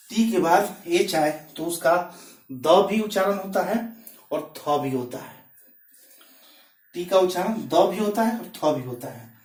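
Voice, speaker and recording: A man's voice: a little high, darkish tone. A man teaching a patient, step-by-step pronunciation lesson, repeating each word and its meaning. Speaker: English teacher. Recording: echoey room, mic far off.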